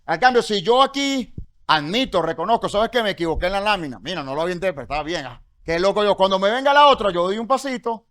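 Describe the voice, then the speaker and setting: A man's voice: high-pitched, expressive, fast talker, fairly bright tone, no room sound, studio quality. A Venezuelan man teaching a Bible study sermon, speaking conversationally and encouraging his listeners with many rhetorical questions. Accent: Venezuelan Spanish. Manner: exhorting, encouraging. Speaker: congregation teacher.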